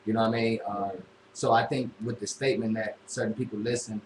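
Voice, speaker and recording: A man's voice: lowish voice, flat delivery, fast talker. Man, radio host, loose drawling chat, echoey studio, faint hiss. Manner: laid-back, drawling, many fillers. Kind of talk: casual interview chat. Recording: echoey room, faint noise.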